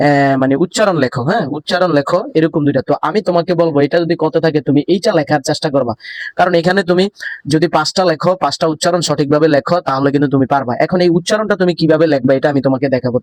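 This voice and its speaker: Young male tutor, brotherly and quick, slightly high voice, dry close mic. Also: dry recording, low-quality recording. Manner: brotherly, repeatedly calls students "bhaiya". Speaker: teacher. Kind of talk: exam-prep tutorial.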